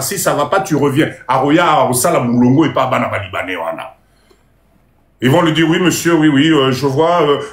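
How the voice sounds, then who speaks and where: A fairly bright, high-pitched male voice echoes through the room as he holds forth on a live stream. He has a Congolese accent, keeps pressing insistently with rhetorical questions, and moves back and forth between French and Lingala.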